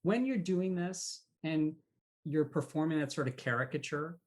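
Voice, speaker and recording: A man hosting a podcast. He asks questions in a curious, halting way and repeats words, and he also reads the show intros. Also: on the high side. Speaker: podcast host.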